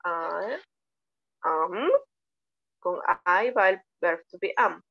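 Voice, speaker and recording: A woman's voice: lowish voice, extremely slow, vocal fry, lo-fi sound. A woman with a Peruvian Spanish accent teaching English online, explaining grammar step by step and praising her students. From Peru. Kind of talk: bilingual online English lesson.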